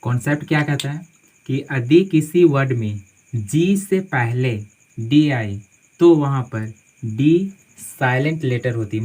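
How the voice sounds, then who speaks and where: A man with a mid-range, slightly mellow voice teaches English spelling rules in a classroom-style lesson, captured on poor audio. He spells words out letter by letter and repeats each phrase, adding a "theek hai" check after most points.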